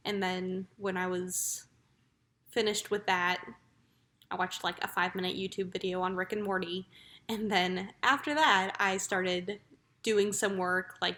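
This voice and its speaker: A woman speaks casually, as if updating viewers on a personal vlog. Her pitch sits in a middle range and stays fairly flat. She sounds matter-of-fact and reflective as she talks. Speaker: vlogger.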